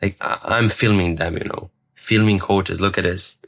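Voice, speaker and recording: His voice is low-pitched and steady, moving at a normal speed with a slightly bright quality. He's a young adult Serbian man, a first-language Serbian speaker, recounting his own experiences to camera in a rambling vlog style with repeated words and offhand swearing.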